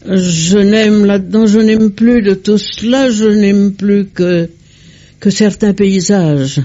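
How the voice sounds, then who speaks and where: An older woman answering interview questions slowly and with halting restarts, heard from an old worn tape archive. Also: medium pitch, fairly even intonation, warm tone. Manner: slow, hesitant, halting restarts. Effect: old worn tape archive recording. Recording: dull lo-fi old tape with faint music.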